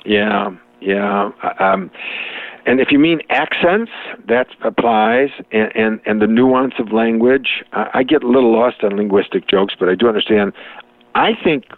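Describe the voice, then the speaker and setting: A man's voice: fairly low pitch, measured pace, no echo. A man being interviewed in a casual chat, talking in a rambling way with many restarts and fillers. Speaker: interview guest. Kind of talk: conversational interview. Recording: tinny phone-like dry sound.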